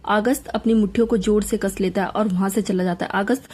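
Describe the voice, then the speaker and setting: A woman narrating a romance novel aloud in a dramatic, expressive reading. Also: mid-range voice, brisk, husky.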